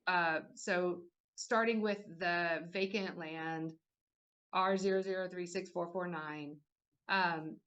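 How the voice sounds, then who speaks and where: Lady presenting at a formal hearing, lowish voice, reads numbers slowly, hesitant. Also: fairly even intonation, fairly bright tone. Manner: careful, hesitant, reads figures with many ums.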